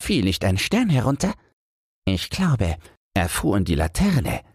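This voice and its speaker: A man voicing a herring head in a fairy tale, a fussy and lowly figure. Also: huge pitch swings, measured pace, darkish tone, husky, dry recording, studio quality, exaggerated voice. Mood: startled, grumbling.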